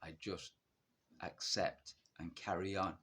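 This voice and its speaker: Blunt older man, husky low voice. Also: level tone, slow pace, fairly bright tone. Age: 60s. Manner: blunt and defiant, asks and answers his own questions. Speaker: vlogger sharing his illness. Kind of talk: direct-to-camera monologue.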